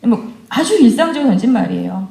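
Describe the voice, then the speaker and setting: A woman's voice: on the high side, very animated, fast talker, creaky, warm tone. A woman in her forties giving a candid, conversational talk to mothers and asking them questions. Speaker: education speaker addressing mothers. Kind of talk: lecture to parents. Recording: roomy echo of a lecture hall.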